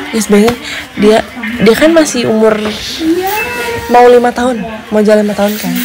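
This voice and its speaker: A woman's voice: a little high, steady tone, normal speed. A young woman chatting casually with viewers on a phone livestream from her bedroom, giggly and talkative. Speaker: live streamer. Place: bedroom at home. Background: music.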